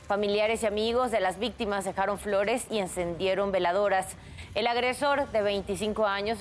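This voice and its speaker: A woman presenting the news as a co-anchor. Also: mid-range voice. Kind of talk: news reading with some casual banter.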